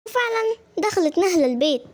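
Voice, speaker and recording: A woman's voice: very high voice, animated, fast, noisy background. A woman telling a story and voicing a mother politely, with an Egyptian Arabic accent.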